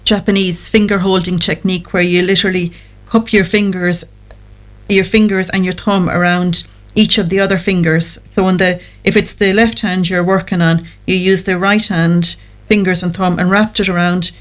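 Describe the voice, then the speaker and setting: A woman's voice: fairly low pitch, fairly even intonation, normal speed. A woman speaking as a guest therapist, giving explanatory advice in an interview. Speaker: guest anxiety therapist on a show.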